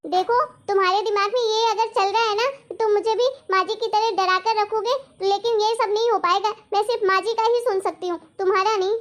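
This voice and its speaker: A woman's voice: extremely high pitch, steady tone, a bit bright. Woman voicing a defiant young wife. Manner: defiant, quick retorts. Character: young wife, sharp-tongued daughter-in-law. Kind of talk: cartoon voice acting.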